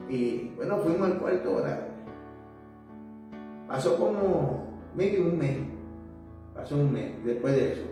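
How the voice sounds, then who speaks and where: A man, speaking a little high for a man, shares his testimony in a halting, earnest way. The mic sits well away from him in a strongly reverberant room. Soft music plays in the background. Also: animated, far from the mic. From Puerto Rico. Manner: halting and earnest, with frequent tag questions. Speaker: evangelist giving his testimony. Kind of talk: personal testimony in an interview.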